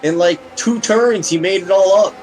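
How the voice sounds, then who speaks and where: A man giving live sim racing commentary, excitable and joking, rising to shouts at incidents. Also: sits high, moderate pace, poor audio. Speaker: race commentator.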